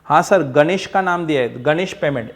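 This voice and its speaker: Male tutor, fairly high voice, pleading, repetitive online lecture delivery. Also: normal speed. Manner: coaxing, repetitive, mixes Marathi, Hindi and English; acts out student replies. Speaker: accounts teacher.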